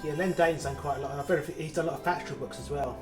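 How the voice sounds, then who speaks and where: A man, a podcast guest telling anecdotes quickly. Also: fairly high pitch. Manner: fast anecdotal storyteller. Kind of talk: casual chat. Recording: echoey room with music playing.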